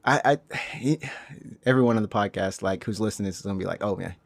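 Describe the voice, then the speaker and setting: A young man hosting a casual podcast. He jokes, laughs often and now and then jumps into high silly voices. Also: quick pace, vocal fry, no echo. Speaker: podcast host.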